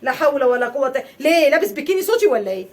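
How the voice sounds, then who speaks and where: Loud, fast Egyptian woman with a high voice. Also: big pitch swings. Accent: Egyptian Arabic. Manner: loud, sarcastic and exasperated, rapid-fire ranting. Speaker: wife in a comedy sketch. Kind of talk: comedic domestic sketch.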